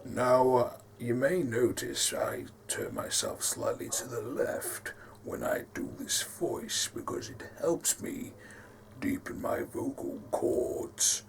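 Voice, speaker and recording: Brief: growly, deep dark-self villain voiced by a man, whispered and quiet, a little off-mic. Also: wildly swooping pitch, slow, far from the mic, slight background noise, full character voice. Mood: menacing. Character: dark male embodiment of grief and hatred.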